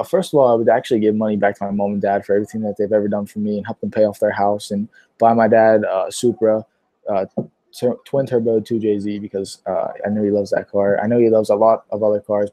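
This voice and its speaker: A young Pittsburgh, Pennsylvania man with a sore throat chats on a livestream, responding to viewer questions and rambling with many fillers. His voice sits on the low side with a warm tone, in a dry recording.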